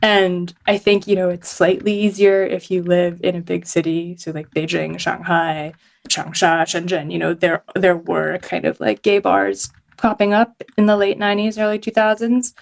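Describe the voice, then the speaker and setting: Guesting on a podcast, a journalist from Hong Kong chats casually, laughing often and leaning on fillers. Her lowish voice, with vocal fry, moves at normal speed with fairly even intonation.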